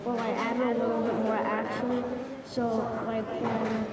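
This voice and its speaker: A woman's voice: fairly high pitch, flat delivery, unhurried, heavy background noise. A student explaining her writing revisions to the teacher, hesitant and restarting often. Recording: echoey classroom full of chatter.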